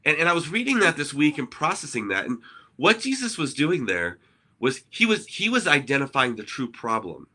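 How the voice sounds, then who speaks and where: This co-host, a ministry innovation speaker who grew up in Argentina, speaks at normal speed in a fairly high, very animated voice with a bright, forceful tone. Earnest in his explanations during the conversational discussion, he keeps asking "right?"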